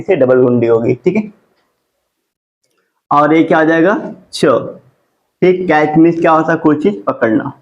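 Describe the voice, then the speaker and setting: A man teaching a classroom grammar lesson. He asks his students questions and answers them himself, and he spells words out slowly. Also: a little high. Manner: drawn-out slow spelling of words. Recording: dull lo-fi classroom recording.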